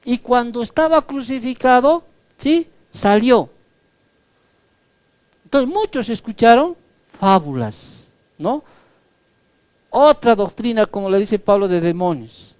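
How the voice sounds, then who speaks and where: A man's voice: very high-pitched, lively intonation, slow, pauses often, darkish tone, clean tone, dry recording. A male pastor preaching a sermon emphatically, often tagging his points with rhetorical questions. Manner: emphatic, peppers lines with rhetorical "¿sí?"; acts out quoted voices.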